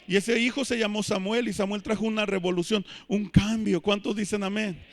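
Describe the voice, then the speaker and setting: A man preaching a sermon in church, emphatic and swelling to shouts. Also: high voice, steady tone, a little fast. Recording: reverberant church hall.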